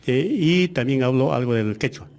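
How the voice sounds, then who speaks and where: Speaking with a medium pitch and an expressive, somewhat dark tone, this man answers an interviewer's questions in a measured way, pausing and hesitating often. He works for a ministry, and Aymara is his first language.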